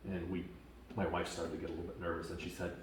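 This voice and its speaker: Speaking in a low voice, another Washington state man shares his camp experience as a testimonial, halting and filler-heavy at first but livelier as he retells what happened. A distant mic makes it very echoey, and faint noise is present.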